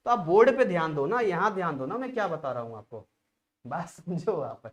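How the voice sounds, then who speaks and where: A man's voice: fairly high pitch, sing-song, brisk. A man teaching a live online physics class, chatty and repetitive, drifting off into side stories before returning to the lesson. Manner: chatty, digresses, repeats phrases to drill a point.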